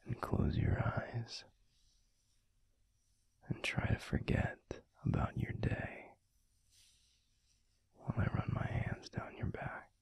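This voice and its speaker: In an intimate ASMR roleplay, a man plays a gentle, protective alpha werewolf boyfriend, murmuring in a breathy, gravelly near-whisper. He speaks slowly and haltingly with pauses, and the mood is soothing.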